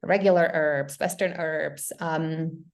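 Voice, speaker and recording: Speaking slowly in a low, creaky voice with fairly even intonation, a middle-aged doctor from the Czech Republic talks earnestly about her practice. She's the guest in an interview conversation and has a Czech accent.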